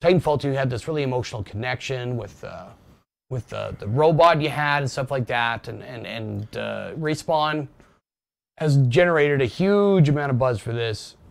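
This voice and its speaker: A man co-hosting a casual gaming news podcast from home, excitable and swearing often as he rants. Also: medium pitch, moderate pace, vocal fry. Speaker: podcast co-host.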